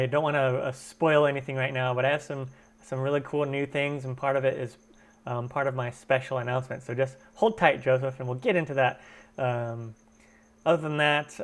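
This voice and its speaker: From home, a man with a medium-pitched voice runs a casual live-stream Q&A for his cooking channel, greeting viewers and responding to chat comments. He's picked up by his computer's webcam microphone.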